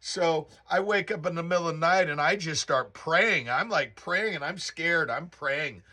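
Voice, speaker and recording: A man telling a personal spiritual story in a halting, rambling way with many restarts. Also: on the high side, pushed and bright.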